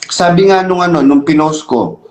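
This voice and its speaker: Isang lalaking host ng channel sa kaswal na kuwentuhan, masigla at minsan nanenermon. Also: male voice, on the high side, moderate pace. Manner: animated, scolding when addressing critics. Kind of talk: casual chat. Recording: echoey room.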